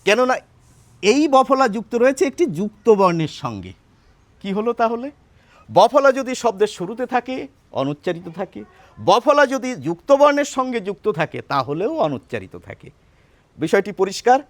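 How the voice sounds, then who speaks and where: A man's voice: high-pitched, big pitch swings, moderate pace, dry recording. A man teaching a pronunciation lesson, patiently explaining and asking his listeners questions, then answering them himself.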